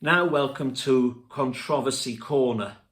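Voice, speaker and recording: A man teaching music theory, spelling out terms letter by letter in a slow, deliberate lesson narration. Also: medium pitch, fairly bright tone.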